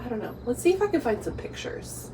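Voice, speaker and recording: A woman's voice: fairly high pitch, sing-song, fast talker, over loud music. A woman who is under the weather, chatting casually and informally to camera in a self-deprecating vlog style. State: sick with a cold. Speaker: vlogger.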